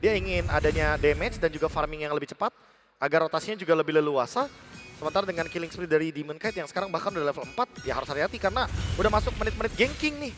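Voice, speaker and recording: A man's voice: a little high, very fast, a bit bright, soft background music. An Indonesian man working as an esports analyst caster, giving conversational live game analysis.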